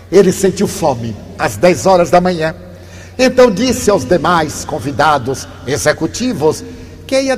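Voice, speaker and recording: Older lecturer in a reverberant hall. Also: male voice, sits high. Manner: warm storytelling, shifts from hushed to animated. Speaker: spiritist lecturer. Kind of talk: inspirational lecture with storytelling. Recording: long hall reverb, faint background noise.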